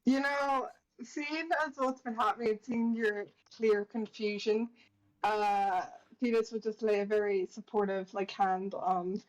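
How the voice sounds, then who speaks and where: A woman's voice: mid-range voice, fairly even intonation, measured pace, poor audio. A woman playing a tabletop game over voice chat, chattily describing what her character does. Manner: chatty, descriptive, fillers and restarts. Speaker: player. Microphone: headset or desk mic over voice chat.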